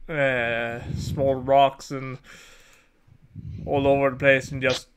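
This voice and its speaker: A man running a tabletop game as game master, halting and full of fillers. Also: mid-range voice, little pitch movement, a little hiss or hum.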